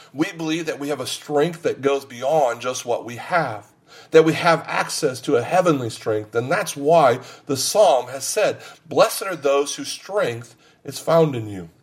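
Joking middle-aged preacher. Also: male voice, on the high side. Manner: joking, anecdotal storytelling. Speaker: pastor. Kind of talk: sermon.

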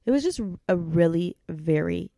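Woman guest, casual talk, gravelly and low, halting and emotional, close to tears, dry close sound. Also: animated, dark tone, no room sound. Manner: emotional, halting, many fillers. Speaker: podcast guest. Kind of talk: casual chat.

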